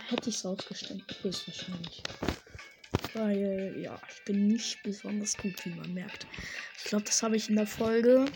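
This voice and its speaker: A woman giving casual gameplay commentary into a tablet's built-in mic, in low sound quality, muttering self-mocking asides and sometimes whispering. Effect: low-quality audio from a tablet's built-in mic. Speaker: gaming podcaster. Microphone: tablet built-in microphone. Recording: tablet mic with game music behind.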